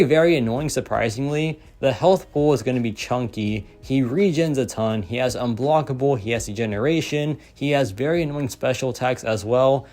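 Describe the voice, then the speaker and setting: A young man talks through game strategy in a loose, excited way, leaning on "like" and "so yeah". His voice sits at an ordinary middle pitch. It sounds slightly worn, as if he has been talking for a long while. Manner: enthusiastic, heavy use of "like" and "so yeah". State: losing his voice. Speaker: gaming content creator. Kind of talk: casual game commentary.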